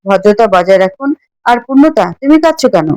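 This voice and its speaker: A woman's voice: medium pitch, animated, brisk, a little mellow, dry recording, lightly acted, low-quality recording. A woman voicing a polite young man who explains himself earnestly and sounds puzzled.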